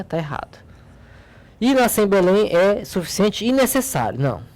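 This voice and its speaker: The lowish, slightly mellow voice belongs to a Brazilian woman teaching logic in a recorded lesson with a Brazilian Portuguese accent. Step by step she tackles the exercises, noting key points and posing questions that she then answers.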